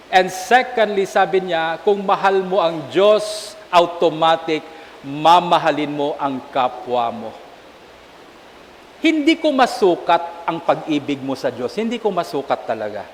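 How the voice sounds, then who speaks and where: A high-pitched Filipino man preaching a sermon to a congregation. He mixes two languages and keeps asking his listeners to agree. The voice rings through a large church with a long echo and a faint hiss underneath. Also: animated, a little slow. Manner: switches between Tagalog and English, asks the congregation "Amen?". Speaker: bishop preaching at Mass.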